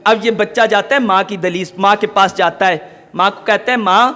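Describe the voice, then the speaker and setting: A male preacher telling a story in an emotional sermon, impassioned and rising to shouts. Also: high voice, steady tone. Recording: long hall reverb.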